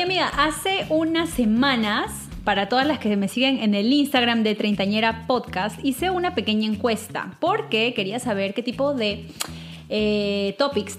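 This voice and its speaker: A woman in her thirties with a Peruvian Spanish accent, hosting a casual, chatty podcast for female listeners. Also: a little high. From Peru. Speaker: podcast host.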